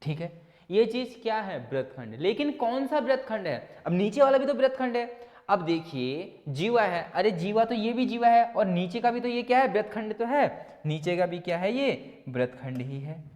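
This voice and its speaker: A man's voice: high voice, big pitch swings, moderate pace, a little mellow, long reverb tail. A man teaching a maths lesson for exam students, asking questions and answering them himself, with some encouraging pep talk. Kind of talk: whiteboard exam-prep lesson.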